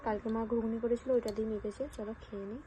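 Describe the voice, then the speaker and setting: A young woman with a cold and a sore throat, chatting softly to her viewers at home as a family vlogger. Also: a little high, flat delivery, very fast. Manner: soft-spoken, talking quietly while her baby sleeps. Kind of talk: casual chat to viewers. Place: at home indoors. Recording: noisy home recording.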